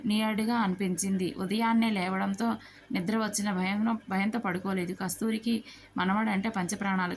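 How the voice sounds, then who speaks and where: A woman's voice: mid-range voice, a little hiss or hum. Woman narrating a family story. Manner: reads dialogue of all characters in her own voice; occasional slips and restarts.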